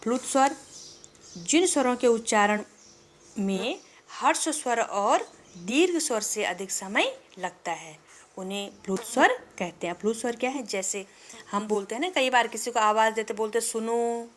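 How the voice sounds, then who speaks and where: A woman teacher giving a grammar lesson to schoolchildren. She explains patiently and poses questions that she answers herself. She stretches out vowel sounds slowly as examples. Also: a little high, expressive, slight background noise. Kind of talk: classroom lesson to children.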